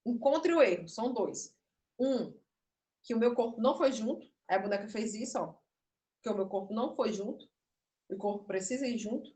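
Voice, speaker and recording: Her voice is a little high, mellow and animated at normal speed while she explains and demonstrates puppetry online. Slight nerves come through as she cuts herself off, and the echoey room puts her at a distance.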